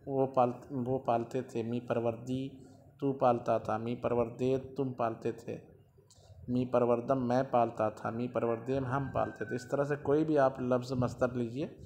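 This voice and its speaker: A man's voice: mid-range voice, a little mellow, a little hiss or hum. A man with an Indian Urdu accent teaching a grammar lesson, patiently explaining and repeating each form with its translation.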